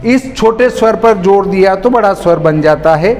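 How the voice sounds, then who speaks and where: A man teaching a grammar lesson, slow and deliberate, drawing out single words and repeating key terms. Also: high-pitched, darkish tone. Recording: hall reverb with faint noise.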